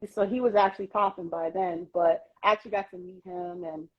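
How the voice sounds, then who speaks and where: Speaking briskly in a lowish, steady voice, a woman from Queens in New York City reflects as a podcast guest. Her casual talk is full of "um" and "you know" fillers. The lo-fi audio comes from a phone on a live social video stream.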